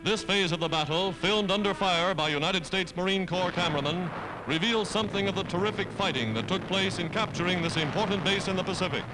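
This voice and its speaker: A man's voice: high-pitched, fairly quick, very noisy. A man narrating an old wartime newsreel in an emphatic, declamatory way. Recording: archival film soundtrack with loud music behind.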